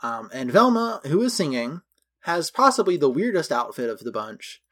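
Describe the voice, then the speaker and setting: A man co-hosting a podcast, chatting loosely about a film with a slightly higher voice than most men. He lists details one after another in a relaxed, talky way. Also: normal speed. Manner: chatty, detailed, goes through costumes item by item. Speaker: podcast co-host. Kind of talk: casual film recap chat.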